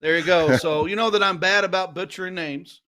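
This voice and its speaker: A man's voice: high voice, fairly even intonation, fairly quick, over a noisy crowd. A man with an Ozark accent hosting and calling a darts match play by play in a casual, bantering style. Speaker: play-by-play commentator and host.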